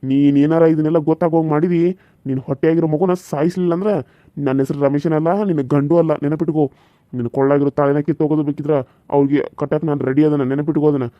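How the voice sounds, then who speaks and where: A man's voice: on the high side, flat delivery, rapid-fire, lo-fi sound, natural voice. A man voicing a menacing, cruel husband in a cartoon serial, speaking. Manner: snarling threats, then softly coaxing to his lover. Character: menacing cruel husband, threatens his pregnant wife.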